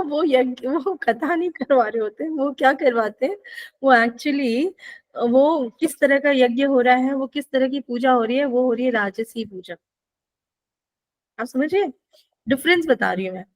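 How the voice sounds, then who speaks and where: A woman with a high voice teaches a spiritual lesson, explaining points patiently and checking in with rhetorical questions. The sound is dry and close, with no room echo. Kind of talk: spoken teaching session.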